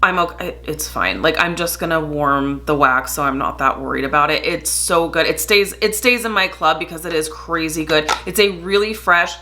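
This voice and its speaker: Woman, casual vlogger, enthusiastic, laughs a lot, bright tense tone. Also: low-pitched, moderate pace, few pauses. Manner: enthusiastic, laughs often, gushing. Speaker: home fragrance vlogger. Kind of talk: casual chatty review.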